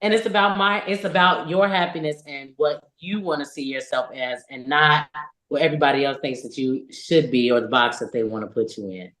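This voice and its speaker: A young adult woman, a singer appearing as a podcast guest, speaks candidly and animatedly about her life in a casual interview. Her voice sits low yet sounds a bit bright, and she talks briskly. The room is echoey.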